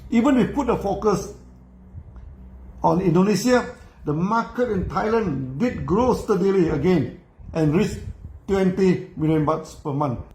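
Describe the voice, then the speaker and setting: An older Malaysian man tells a business story in a voice set fairly high for a man. He keeps tacking "no" and "you know" onto his lines and chuckles along the way. The room gives his voice a roomy echo. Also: a little mellow. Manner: tag questions, frequent "no" and "you know", chuckling while telling. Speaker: company founder telling his story. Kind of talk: storytelling talk.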